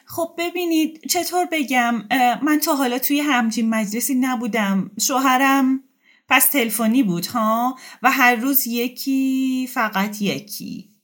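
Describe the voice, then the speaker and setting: A woman voicing a tearful young woman who pleads in a high, shaky voice. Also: natural voice. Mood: tearful, pleading.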